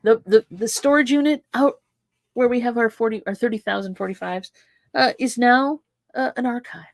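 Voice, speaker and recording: A woman in her sixties co-hosts a casual chat, her slightly high voice gravelly and delivered at normal speed. Recorded dry on a desk microphone, she repeats catchphrases and laughs often in playful banter.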